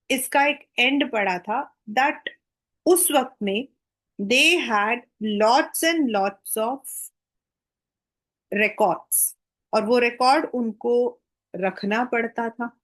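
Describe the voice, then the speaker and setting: Slow, higher-pitched woman teacher. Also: fairly bright tone, poor audio. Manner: reads English textbook lines slowly, explains in Hinglish. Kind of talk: Hindi-English mixed classroom lecture.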